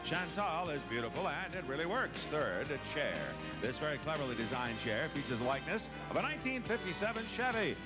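An American man announcing on a game show in a booming prize announcer style, reading scripted copy with drawn-out calls. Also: big pitch swings, poor audio. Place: large TV studio with music behind. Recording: old VHS broadcast with loud music.

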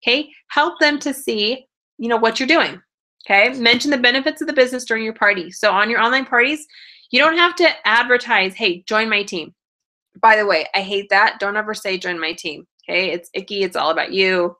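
A woman's voice: on the high side, brisk, pushed and bright. A woman giving an upbeat, casual sales training talk, often checking in with "okay?".

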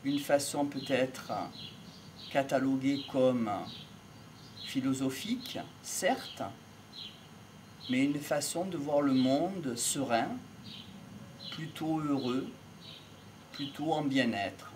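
Slow, measured older man outdoors. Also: mid-range voice, darkish tone, slight background noise. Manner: measured, pausing often, philosophical. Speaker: speaker on voice and communication. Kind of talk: slow reflective monologue to camera. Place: outdoors in a sunny country field. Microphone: handheld mic. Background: faint outdoor ambience with birds.

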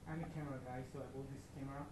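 Israeli founder, mid-age, hesitant and filler-heavy; handheld mic in a large noisy open-plan room. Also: male voice, mid-range voice, steady tone. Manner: halting, many fillers, non-native phrasing. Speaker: startup founder presenting. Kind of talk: meetup talk. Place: large open-plan office event space. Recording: echoey room with background noise.

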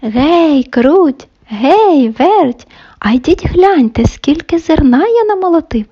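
A woman voicing a patient, hardworking little male rooster in a bedtime story, calling out loud and high. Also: sing-song, unhurried, highs cut off.

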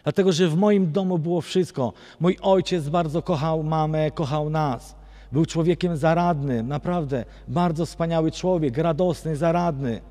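A man sharing a religious testimony with a church audience, telling his story and turning to listeners with direct questions, going soft and low when he reflects. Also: moderate pace. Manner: addresses listeners directly, often asking "wiecie co?". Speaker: guest giving a religious testimony. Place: large basilica church. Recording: long church hall reverb.

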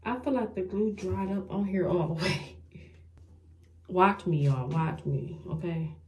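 A woman's voice: fairly low pitch, takes it slowly, a little mellow. A young woman doing a casual get-ready-with-me beauty vlog, talking straight to her viewers and sounding frustrated and self-mocking as she struggles. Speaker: beauty vlogger.

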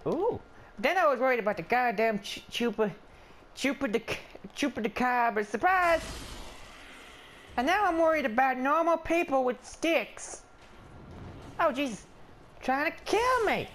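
A man's voice: very high voice, animated, normal speed, fairly bright tone, a little hiss or hum. A man voicing a skittish, whiny little male adventurer in let's play commentary, rambling and stammering, yelping whenever something attacks. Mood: grumbling. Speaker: gameplay commentator.

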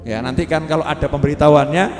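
A man's voice: fairly high pitch, fairly even intonation, quick pace. A man with a Javanese accent giving a folksy, humorous sermon to a congregation. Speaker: preacher. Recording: echoey hall with music.

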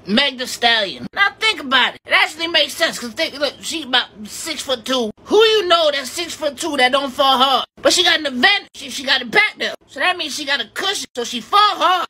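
Sharp-voiced young man riffing. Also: very high voice, lively intonation, moderate pace. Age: young adult. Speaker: comedy video creator. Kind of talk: casual comedic rant to camera. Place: small room indoors. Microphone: phone at arm's length.

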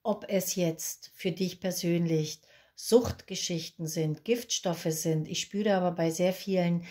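A woman's voice: lowish voice, fairly even intonation, unhurried, mellow. A woman in her fifties, born in Peru, giving a chatty, reassuring tarot reading at a candlelit table and repeating words for emphasis. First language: Spanish. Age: 50s. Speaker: tarot reader.

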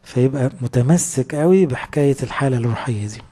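Egyptian male preacher, rapid and conversational, husky low-key timbre. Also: dark tone. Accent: Egyptian Arabic. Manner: conversational, asks rhetorical questions. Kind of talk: sermon.

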